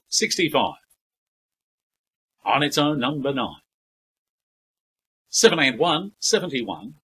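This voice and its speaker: A man's voice: fairly high pitch, fairly bright tone, slightly rough. A middle-aged man working as a bingo caller, reading out numbers digit by digit in a set pattern. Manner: formulaic digit-by-digit number calling.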